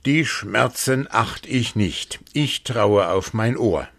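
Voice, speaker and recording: A man voicing a boastful, hungry male wolf in a storybook reading, loud and commanding. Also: on the low side, expressive, slow pace, creaky, voice pushed up, exaggerated voice. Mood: stubborn.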